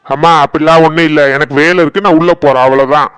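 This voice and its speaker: A man with a Tirunelveli Tamil accent voicing a gentle young husband in a cartoon, soothing his wife and standing firm with his mother. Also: on the high side, steady tone, quick pace, clean tone, no echo, close to an everyday voice. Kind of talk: cartoon voice acting.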